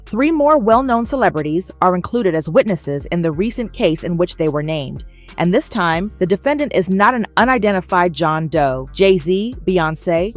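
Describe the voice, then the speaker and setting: A woman reading scripted narration in the manner of an investigative news exposé. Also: mid-range voice.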